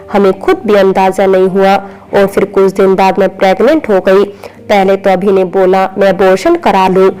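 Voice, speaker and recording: A woman's voice: mid-range voice, warm tone, clear, resonant tone, natural voice, low-quality recording. A woman voicing a frightened, begging young woman. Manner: pleading, anxious.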